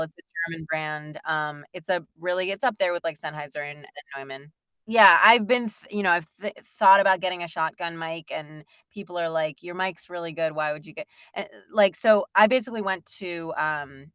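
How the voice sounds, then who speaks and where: A talkative woman in her thirties chats in an interview, full of fillers and quick laughs. Her voice sits low for a woman. The sound is close and dry. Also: a bit bright, smooth, dry recording. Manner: chatty, rambling, lots of fillers and laughs. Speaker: voice actor guest. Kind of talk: casual interview chat.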